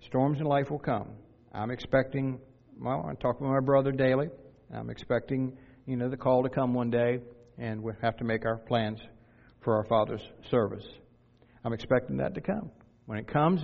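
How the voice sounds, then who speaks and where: A middle-aged man preaching a sermon as a pastor, earnest, moving from quiet personal reflection to raised exhortation. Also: medium pitch, vocal fry. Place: church sanctuary. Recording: dull, reverberant hall recording with faint music.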